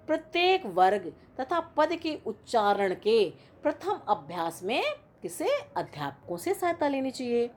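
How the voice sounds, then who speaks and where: Patient woman teacher, lively pitch. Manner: patient, repeats and checks with "theek hai na". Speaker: Sanskrit teacher. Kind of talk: classroom lesson explaining grammar.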